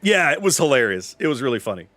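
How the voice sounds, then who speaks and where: A man's voice: mid-range voice, very animated, fast, fairly bright tone, dry recording, soft background music. A man hosting a live stream, chatting casually to viewers and telling a rambling travel story with many restarts. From United States. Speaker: streamer host.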